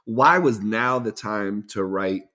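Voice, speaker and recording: A man hosting a conversational podcast interview, friendly and halting, with many fillers and restarts. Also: on the low side, bright, forceful tone. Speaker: podcast host.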